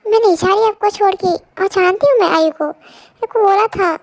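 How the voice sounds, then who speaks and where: A woman's voice: very high voice, normal speed, dry recording, voice pushed up. A young woman playing a devoted, coaxing young wife. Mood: soothing. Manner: coaxing, earnest. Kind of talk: amateur fan dub drama.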